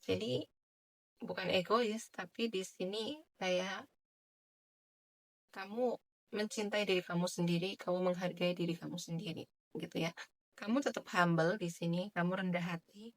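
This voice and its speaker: A woman giving a general tarot reading in a soft, chatty way, with many filler tags. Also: fairly low pitch, fairly even intonation, normal speed, pauses often. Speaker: tarot reader.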